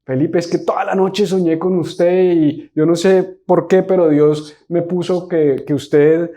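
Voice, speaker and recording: A man's voice: fairly high pitch, fairly even intonation, unhurried, mellow, pitched above the performer's own voice. A man voicing an earnest male friend who hesitantly recounts a dream about a journey.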